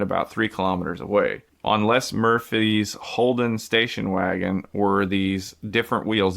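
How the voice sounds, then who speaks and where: A man's voice: lowish voice, vocal fry, a bit bright. A man from the US hosting a podcast, telling a true-crime story in a casual, conversational way with many fillers and restarts. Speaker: podcast host.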